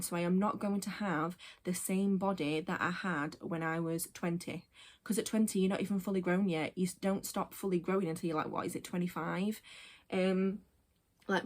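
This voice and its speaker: A vlogger in her late twenties chats casually to her camera in a personal vlog, her voice a little lower than most women's. She rambles, wanders off on tangents, and fills pauses with lots of ums and likes.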